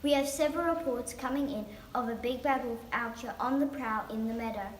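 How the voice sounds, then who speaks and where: Woman doing a high-voiced breaking-news reporter, roomy echo, light hiss. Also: a little fast, close to an everyday voice. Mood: urgent. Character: brisk female news reporter.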